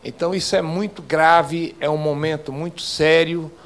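A man's voice: a little high, steady tone, gravelly, a bit bright. An older man with a Brazilian accent gives a formal, emphatic address to club members, speaking into a handheld microphone in an indoor lecture hall. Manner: slow, emphatic, civic exhortation with rising intensity.

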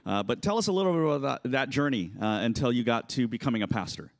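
Middle aged guy hosting church q and a, mid pitch, laid back, lots of uhs. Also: animated, fast talker. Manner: casual, hesitant, many fillers. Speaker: church Q&A moderator. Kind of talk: moderating a Q&A. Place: church sanctuary stage. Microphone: handheld mic.

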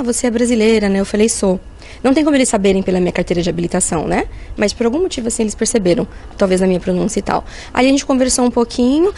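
Fast-talking, gravelly woman. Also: fairly high pitch. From Brazil. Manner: animated, vivid retelling with acted-out quotes. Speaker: interviewee. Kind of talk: interview testimony.

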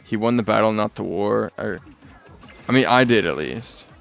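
A man's voice: fairly low pitch, normal speed, creaky, a bit bright, soft background music. A man streaming a video game live, chatting casually and rambling, often muttering asides and correcting himself. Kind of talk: casual live gameplay chat.

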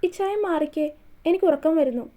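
Storybook reading: a woman playing a shy, sweet young wife with a high, soft voice. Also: fairly quick, lightly acted. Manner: pleading, shy.

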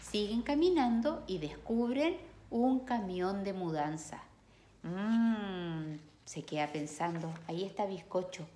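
A woman's voice: mid-range voice, lively intonation, takes it slowly, slight background noise. A woman reading a picture book aloud to children, stopping to explain the pictures. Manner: warm, explains the pictures to kids. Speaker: storyteller for children. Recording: echoey room.

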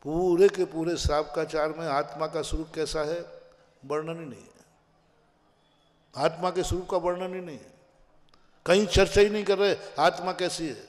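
Male monk, emphatic sermon with repetition, raised pitch, long hall reverb. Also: steady tone, normal speed, pauses often. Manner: emphatic preaching, swings from soft to loud, repeats phrases. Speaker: Jain monk giving a sermon.

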